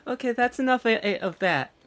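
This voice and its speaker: Animated woman game streamer. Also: deep voice. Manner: animated, joking, scolds chat, stammers and repeats words. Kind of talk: casual live-stream chat while playing.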